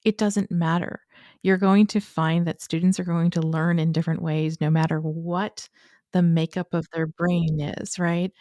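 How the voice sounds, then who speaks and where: A woman educator talks as a podcast guest, earnest and emphatic, often closing a thought with a quick "right?". Her voice sits a little low, and the close mic leaves it dry, with no room sound. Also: level tone, dark tone, no echo. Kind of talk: podcast conversation.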